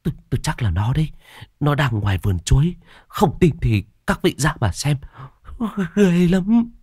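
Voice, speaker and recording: A man's voice: on the high side, big pitch swings, moderate pace, darkish tone, breathy edge, no echo, clean studio sound, pitched above the performer's own voice. A man voicing a terrified older village woman who stammers and insists on what she saw. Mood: insistent.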